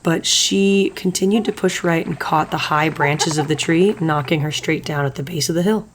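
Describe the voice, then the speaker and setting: Woman co-commentator, low voice, conversational golf-style delivery. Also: moderate pace, slight background noise. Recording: music behind the voice. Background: background music.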